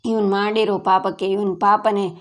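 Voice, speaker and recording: A woman's voice: mid-range voice, flat delivery, moderate pace, natural voice. A woman voicing an enraged grieving father. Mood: furious. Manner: furious threatening shouts. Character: enraged grieving father, middle-aged man.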